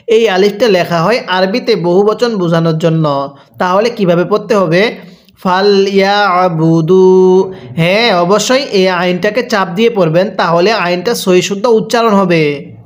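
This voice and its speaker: A man teaching a Quran recitation lesson, drawing out each syllable slowly for the listener to repeat, then explaining rules more briskly, with a Bangladeshi Bengali accent. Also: sits high. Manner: slow drawn-out syllables for repeat-after-me, brisker when explaining.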